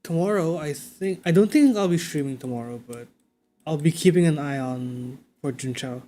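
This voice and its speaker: A man livestreaming a game, talking casually and thinking out loud in a conversational way. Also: on the high side, moderate pace. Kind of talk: casual livestream chat while playing a game. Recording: game music behind the voice. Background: video game music.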